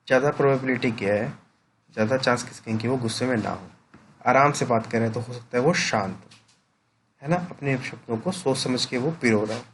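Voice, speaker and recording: A man's voice: mid-range voice, a little hiss or hum. A male teacher explaining a lesson to his students, often checking in with short "right?" tag questions. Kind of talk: classroom lecture.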